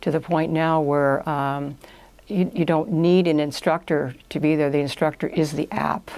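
In a small indoor podcast studio, an older woman in roughly her 60s or 70s gives explanatory, conversational answers as an interview guest. She owns a language institute and lays things out step by step. Her voice is low-pitched and darkish, with fairly even intonation, a moderate pace, and no room sound.

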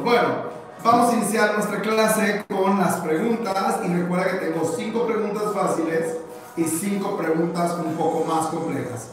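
Upbeat high-voiced teacher, echoey hall. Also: male voice. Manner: upbeat, encouraging, mixes Spanish and English, slows for dictation. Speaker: English teacher. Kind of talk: live online English class. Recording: echoey hall, far from mic, music behind.

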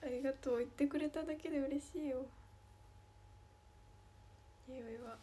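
Young woman, Kansai accent, high voice; casual, playful livestream chat, answering fan comments. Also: normal speed, warm tone. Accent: Kansai Japanese. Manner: playful, chatty, reads comments aloud and answers.

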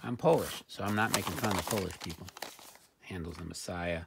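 This middle-aged reseller's voice sits low and creaky, and he talks fairly quickly. He offers casual, spontaneous commentary on thrift finds from a table in a room at home, slipping in dry, wry muttered asides, over noisy audio with handling clicks.

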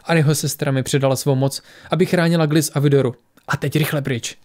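Guy reading as a cold scary warrior woman, slow and quiet, a bit higher voice. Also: fairly even intonation, natural voice. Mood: urgent. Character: calm, menacing female warrior.

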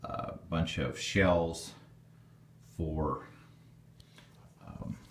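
Deep-voiced man touring his basement. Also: extremely slow, slight background noise. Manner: rambling, plainspoken, with fillers. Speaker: homeowner giving a basement tour. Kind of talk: casual walkthrough narration. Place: dark stone basement, indoors. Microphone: handheld phone camera. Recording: echoey basement room.

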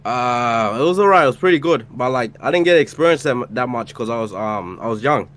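A man's voice: medium pitch, animated, a little fast, a bit bright. A man in his twenties from Egypt, flirting with an easy slang manner as a contestant on a dating stream. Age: 20s. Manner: laid-back slang, flirty, says "for sure" and "I bet". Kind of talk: casual flirty chat.

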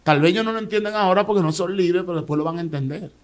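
Man, Dominican accent, interview guest, personal testimony, rapid, somewhat high voice. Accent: Dominican Spanish. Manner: animated storytelling with restarts and repeated words.

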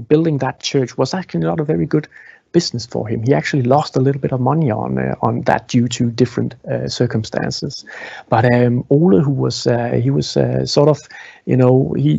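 Man in his thirties, live tour guide, halting and filler-heavy, a little gravelly, muffled lapel mic. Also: mid-range voice, warm tone, dry recording. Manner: halting, many fillers and restarts, gestures while talking. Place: indoor museum exhibition hall. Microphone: clip-on lapel mic. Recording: dull lo-fi sound.

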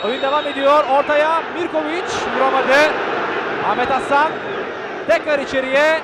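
A man giving live football play-by-play in clipped phrases, calling out players' names and shouting excitedly at chances. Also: extremely high pitch, normal speed. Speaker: football commentator. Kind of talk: live play-by-play match commentary. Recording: loud crowd and noise behind. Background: stadium crowd.

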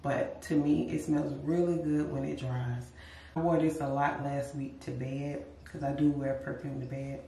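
A lifestyle vlogger with a low voice and some vocal fry chats casually at a moderate pace, calling her viewers "y'all." She films in her bedroom and later in a car, with the camera a few feet away, so the sound is roomy, echoey and distant, with slight background noise.

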